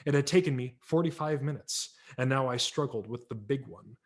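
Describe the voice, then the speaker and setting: At a virtual library event, a male audiobook narrator gives an expressive, wry dramatic reading of a story from a memoir, slipping into small character voices. His pitch is medium and his pace moderate.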